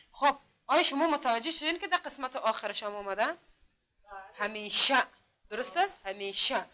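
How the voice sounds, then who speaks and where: A woman with an Afghan Dari accent teaching a literacy class in a high, bright voice. She stretches each letter and syllable slowly as she sounds it out. She keeps asking the class questions and praises their answers. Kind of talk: classroom lesson.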